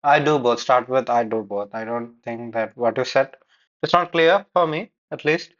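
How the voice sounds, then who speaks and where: A man's voice: medium pitch, moderate pace, fairly bright tone, lo-fi sound. A man giving feedback on a speaking test, explaining corrections and replaying answers as a coach. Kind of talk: feedback commentary on a recorded test.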